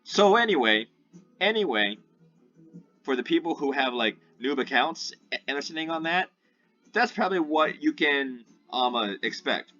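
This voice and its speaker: A man's voice: on the high side, animated, normal speed, pushed and bright. A man giving rambling gameplay commentary as a gaming YouTuber, often checking in with "right?". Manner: rambling, keeps asking "right?". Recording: dull lo-fi sound with faint music.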